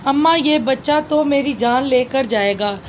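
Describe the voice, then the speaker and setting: A woman's voice: sits high, measured pace, slight background noise. A woman reading a story aloud, voicing a young pregnant wife who is weak and in pain, pleading and tearful.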